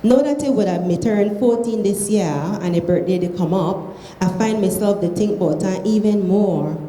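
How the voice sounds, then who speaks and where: Belizean lady reading fiction out loud, dark mellow voice, kinda measured but expressive, echoey room. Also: mid-range voice. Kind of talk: literary reading aloud of prose fiction. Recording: echoey room, faint background noise.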